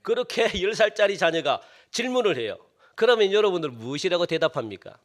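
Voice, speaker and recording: A man preaching a sermon as pastor, animated and firing rhetorical questions at the congregation. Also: high-pitched, brisk.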